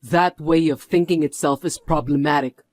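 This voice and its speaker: A stern executive husband lays down the law in a firm, scolding way, as a man acts him out. His voice sits a bit high for a man and sounds close and dry. The dubbed-drama delivery stays steady. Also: normal speed, no echo, natural voice. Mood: indignant.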